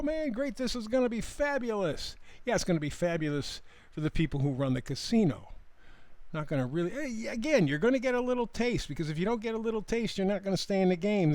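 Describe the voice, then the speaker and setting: A man hosting his own show, giving casual solo commentary in an emphatic, animated way with mocking asides. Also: a little high, no room sound. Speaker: astrology commentator and show host.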